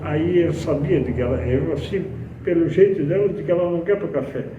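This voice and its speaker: A man's voice: a little high, fairly quick, narrow, tinny audio, background noise. A middle-aged man giving a spiritist talk, earnestly telling personal anecdotes with frequent restarts. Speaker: speaker at a spiritist center. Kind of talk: spiritist talk, sermon-like storytelling. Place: hall of a spiritist center. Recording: echoey hall, distant mic, faint ambience.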